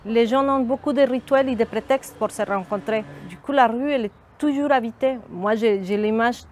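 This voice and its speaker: A woman's voice: on the high side, moderate pace, a little mellow, a little hiss or hum. Mexican-accented middle-aged woman, thoughtful. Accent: Mexican Spanish. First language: Spanish. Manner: thoughtful, hesitant, frequent restarts. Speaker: community outreach worker. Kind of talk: documentary interview testimony.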